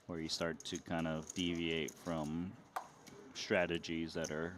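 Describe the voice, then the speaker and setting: A man's voice: rumbling low, level tone, slow pace, background noise. A man giving analytical live poker commentary in a conversational way.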